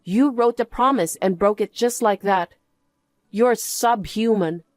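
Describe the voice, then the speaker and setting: A woman's voice: mid-range voice, a little slow, darkish tone, no room sound, natural voice. A woman playing a scornful betrayed wife in a story drama, scolding and dismissive. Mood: indignant. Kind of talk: dramatised story narration and dialogue.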